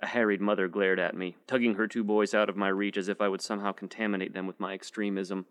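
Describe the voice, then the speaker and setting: A man narrating a short story in a steady, measured first-person reading. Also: on the low side, no echo. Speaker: audiobook narrator.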